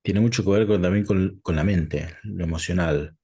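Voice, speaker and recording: A low-pitched man with a Rioplatense accent hosts a sit-down interview. His voice is mellow and a little husky. He asks his questions at a measured pace. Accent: Rioplatense Spanish. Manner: measured, introduces topics in lists. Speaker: interviewer host.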